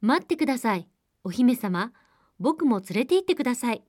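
A woman voicing a squat, persistent male frog who speaks courteously and pleads in drawn-out calls. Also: mid-range voice, expressive, a little mellow, no echo, studio quality, lightly acted. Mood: pleading.

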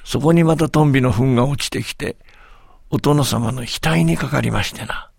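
A sly village braggart with a servile, bowing politeness and a gravelly, husky voice, as a storyteller puts him on. Folktale telling with a dry close sound. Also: male voice, mid-range voice, moderate pace, darkish tone, dry recording. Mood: storytelling. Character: boastful male villager, sly tall-tale teller.

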